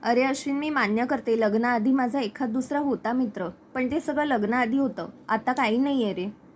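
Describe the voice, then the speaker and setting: A scheming young wife who lies to defend herself, voiced plainly by a woman narrator. Her voice is bright and fairly high. The lines are read steadily rather than acted. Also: normal speed, a little hiss or hum, natural voice. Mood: defensive. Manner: plain reading of quoted lines.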